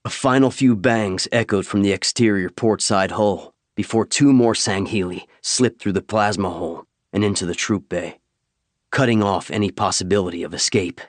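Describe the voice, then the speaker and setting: A man narrating an audiobook in a measured, steady scripted read, on a studio microphone. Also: fairly low pitch, dry recording.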